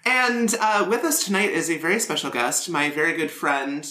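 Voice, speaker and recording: A man's voice: fairly high pitch, lively intonation, normal speed, sharp tone. A man hosting a podcast in casual, playful, teasing chat. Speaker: podcast host. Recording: roomy echo.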